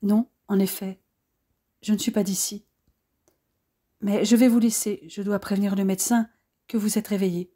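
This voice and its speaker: A woman voicing a loving young French woman, gentle and affectionate. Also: mid-range voice, steady tone, moderate pace, pauses often, close to an everyday voice.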